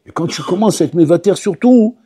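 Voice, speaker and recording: A rabbi teaches a Torah class to his students, speaking to them directly and acting out short exchanges. His voice sits a little high for a man but sounds dark and husky. The recording is dry, with no room around it. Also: a little fast, dry recording. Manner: lively, acts out little dialogues and addresses students directly. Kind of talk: animated Torah lesson. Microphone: audio recording of a class.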